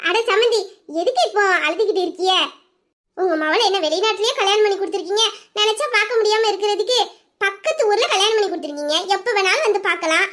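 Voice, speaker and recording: Woman doing a mother-in-law, village drama, chatty, teasing, very high voice, fast. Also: fairly bright tone. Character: cheerful village mother-in-law, fond of her daughter-in-law.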